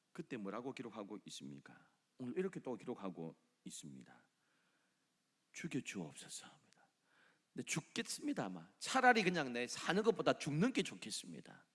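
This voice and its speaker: A middle-aged man with a Gyeongsang Korean accent preaching a sermon as pastor, with animated delivery and dramatic quoted voices. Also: mid-range voice, big-room sound. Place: church sanctuary.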